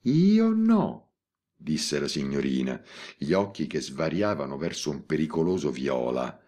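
A man narrating a literary short story as an audiobook reader, with deliberate, dramatic delivery. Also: rumbling low, darkish tone.

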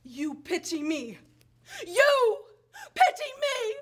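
A woman's voice: very high voice, slow pace, a bit bright, heavily acted. A young woman acting a wronged, vengeful foreign princess on stage, speaking with impassioned, tearful bitterness. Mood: bitter. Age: young adult. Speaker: student stage actor.

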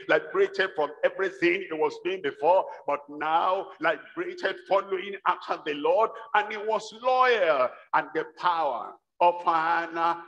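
An older man preaching a sermon to a large congregation, with a rhythmic, repetitive style that builds to shouts. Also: on the high side. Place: large church hall with congregation. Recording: dull livestream sound in a reverberant hall.

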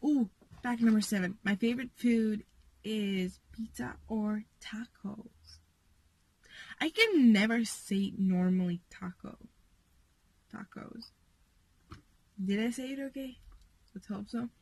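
A teenage girl from Latvia talks through a casual vlog intro, chatty and expressive. She speaks at an unhurried pace with a faintly husky tone, recorded on a phone inside a parked car. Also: mid-range voice, poor audio. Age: teens. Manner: chatty, gestures a lot while talking. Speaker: vlogger. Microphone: phone camera at arm's length.

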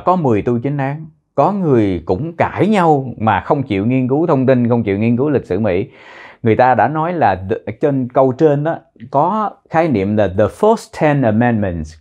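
Lively male teacher drilling pronunciation. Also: medium pitch, dull audio. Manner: slow, drawn-out pronunciation drills. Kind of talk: citizenship test lesson.

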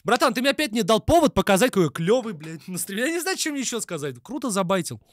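A man's voice: high-pitched, very animated, quick pace. A man streaming live, ranting and mocking with constant swearing. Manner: heavy swearing, mocking, ranty. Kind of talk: live stream reaction rant.

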